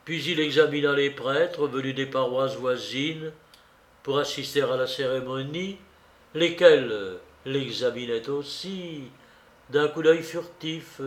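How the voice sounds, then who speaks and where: A man narrating a literary audiobook in a measured, expressive reading style. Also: mid-range voice. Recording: roomy, echoey recording.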